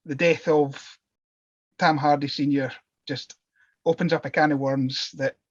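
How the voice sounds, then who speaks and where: A man's voice: on the high side, muffled recording. A man in a book club panel, rambling and thinking aloud about a novel. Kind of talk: casual book discussion.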